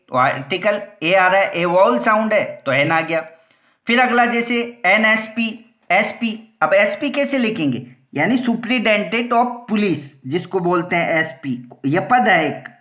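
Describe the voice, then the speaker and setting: A woman's voice: mid-range voice, fairly bright tone. A woman teacher giving a grammar lesson, patiently going step by step, repeating herself and answering her own questions. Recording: echoey room.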